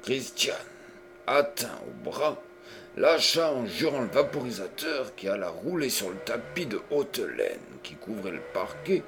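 A man reading a novel aloud as an audiobook, with a measured, dramatic delivery. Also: mid-range voice, sing-song, noisy background. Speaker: audiobook reader. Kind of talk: scripted narration.

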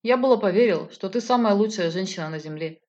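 An emotional grown man, rushing through heated, pleading lines, as a woman reader puts him on. The pitch sits mid-range, and the recording sounds slightly muffled and lo-fi. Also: animated, a little mellow, close to an everyday voice. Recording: slightly dull lo-fi audio.

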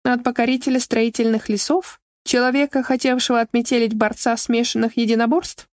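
A woman reading an audiobook aloud in an expressive storytelling manner. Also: brisk, dry recording, clean studio sound. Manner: expressive, shifting into shrill character voices. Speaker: audiobook narrator. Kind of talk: scripted narration.

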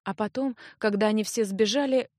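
A woman's voice: medium pitch, a little fast, a little mellow, dry recording, studio quality, lightly acted. A woman voicing a timid young noblewoman in an audiobook, speaking in a hesitant, subdued way.

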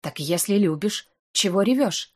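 A woman reading the lines of a patient young elf girl who comforts her friend in a soft, coaxing way, in an audiobook. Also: medium pitch, lively intonation, normal speed, slightly rough. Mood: soothing. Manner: gentle, coaxing.

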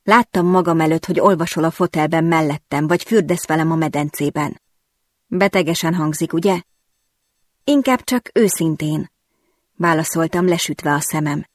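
A woman reading a first-person romance audiobook in an intimate, expressive storytelling manner, recorded on a close studio mic. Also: sits low, no room sound. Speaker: audiobook narrator.

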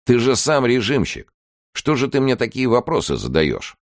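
A man's voice: big pitch swings, moderate pace, no echo, studio quality. A man doing an outraged secret-police colonel. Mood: indignant. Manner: loud, outraged, high-strung. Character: shouting, indignant male secret-police colonel.

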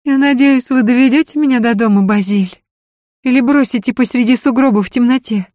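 A man's voice: very high-pitched, fairly quick, a little mellow, no room sound, clean studio sound, voice pushed up. A man voicing a capricious, hysterical young noblewoman with a Polish accent in an audiobook. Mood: capricious complaining. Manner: shrieking, frantic, capricious.

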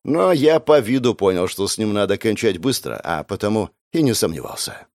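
A man narrating an audiobook, acting out the characters' lines with shouts and whispers. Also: fairly low pitch, sing-song, normal speed, dry recording, studio quality. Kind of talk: dramatized audiobook reading with acted dialogue.

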